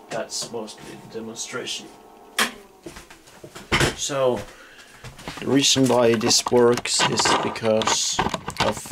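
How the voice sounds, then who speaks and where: Showing off his hobby electronics build in a small room at home, a young adult man from Norway speaks with a Norwegian accent at a medium pitch. His explanation is halting, packed with fillers and corrections of himself.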